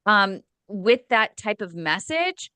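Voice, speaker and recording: Woman group host, smooth resonant voice, dry sound, gentle probing questions. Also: mid-range voice, big pitch swings, slow pace, dry recording.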